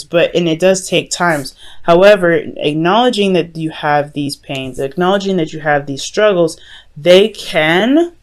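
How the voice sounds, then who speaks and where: A woman giving a mystical tarot horoscope reading in a casual, conversational way, advising listeners directly and often circling back to rephrase herself. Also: on the low side. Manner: hesitant, often repeats and rephrases phrases. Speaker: tarot reader.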